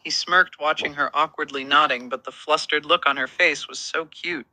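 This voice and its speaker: A man reading a romance story as narrator, in an even, steady storytelling manner. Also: on the high side, moderate pace, no echo, rough recording.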